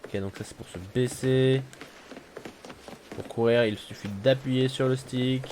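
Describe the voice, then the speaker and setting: A man's voice: medium pitch, steady tone, unhurried, darkish tone, slight background noise. A man giving casual let's-play commentary with joking, offhand asides. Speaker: gaming streamer.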